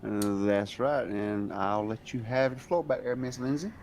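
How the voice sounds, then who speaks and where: A man's voice: on the low side, a little slow, a little mellow, a little hiss or hum. A man co-hosting a live-streamed news show, chiming in with short, playful remarks. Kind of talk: casual live-stream banter.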